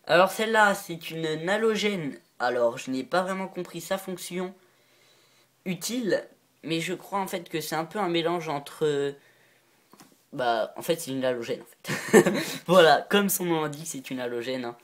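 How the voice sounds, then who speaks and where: A man's voice: fairly high pitch, moderate pace, fairly bright tone. Giggly rambling male vlogger. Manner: rambling, giggly, unsure of details. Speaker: reptile-keeping video maker. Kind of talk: casual show-and-tell vlog.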